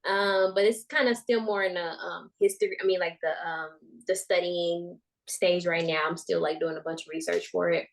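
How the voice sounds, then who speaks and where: A woman's voice: fairly low pitch, steady tone, moderate pace, vocal fry, few pauses. A young woman co-hosting a podcast over a call, talking casually and rambling a little. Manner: rambling, many "um" and "like" fillers. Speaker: podcast co-host.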